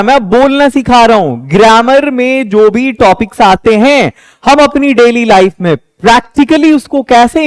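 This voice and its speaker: A young man teaching a spoken English lesson, patiently explaining and slowly repeating example sentences. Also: extremely high pitch, no room sound.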